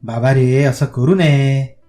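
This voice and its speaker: A man's voice: mid-range voice, slow, warm tone, soft background music, close to an everyday voice. A man playing a shrewd village man who bargains with and orders around a ghost. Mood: coaxing. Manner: coaxing, then commanding and wry.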